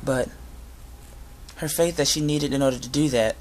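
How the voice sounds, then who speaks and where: A young adult man giving an informal sermon with Bible readings, speaking earnestly and a little haltingly. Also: medium pitch, steady tone, darkish tone. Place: inside a garage. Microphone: device camera at close range.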